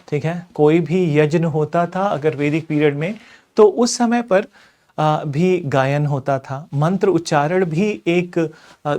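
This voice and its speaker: A man's voice: on the high side, darkish tone. A male teacher giving an exam-prep lecture, explaining step by step, often checking in with "okay," and mixing English terms into his talk. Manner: mixes English terms into Hindi; slows down and speeds up on purpose to demonstrate.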